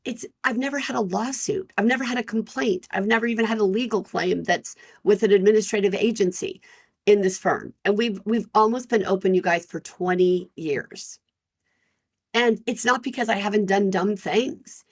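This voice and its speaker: Talking straight to her audience on her solo podcast, this employment lawyer in her fifties sounds loud, energetic and frank. Her pitch is medium and her pace normal.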